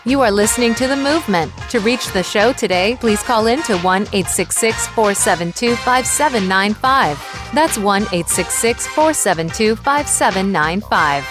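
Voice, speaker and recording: A woman reading a scripted announcement for a radio show, in a crisp, promotional way. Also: mid-range voice, lively intonation, normal speed. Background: music bed.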